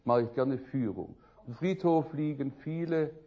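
An older man preaching a sermon, telling stories with lively swings between loud outbursts and quiet musing. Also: medium pitch, moderate pace, highs cut off.

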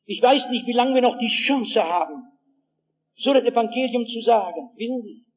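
A high-voiced pastor delivers an evangelistic sermon with personal anecdotes, speaking expressively at a moderate pace. He tells stories dramatically, sinking to near-hushed tones and rising to loud calls, and often turns to the audience with direct asides. The sound is dull and lo-fi, like an old archive tape.

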